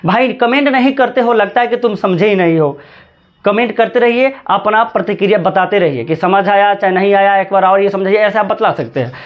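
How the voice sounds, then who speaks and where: A man teaching a grammar lesson, repeating words slowly and drawing out chanted examples. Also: sits high, muffled recording.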